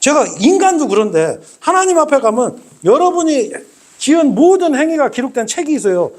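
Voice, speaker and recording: A middle-aged man preaching a sermon as a pastor, talking in an animated way and acting out voices. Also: very high voice, moderate pace. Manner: animated, acts out quoted voices.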